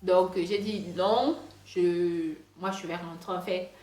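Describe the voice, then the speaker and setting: A woman's voice: on the low side, steady tone, slow pace, darkish tone. A woman vlogger telling a storytime in a rambling, chatty way, speaking French with a noticeable non-native accent. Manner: rambling, chatty, many fillers and restarts. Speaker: hair vlogger. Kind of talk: casual storytime monologue. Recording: roomy echo with faint music.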